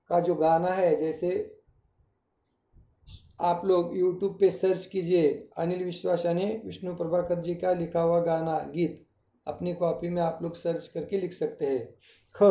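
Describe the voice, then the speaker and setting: A man's voice: high-pitched, warm tone, roomy sound. A male school teacher giving a recorded grammar lesson, explaining step by step and repeating each answer.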